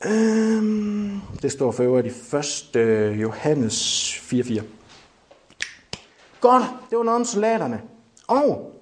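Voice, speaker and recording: A man preaching a lively sermon, joking with the congregation and shouting to drive points home. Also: a little high.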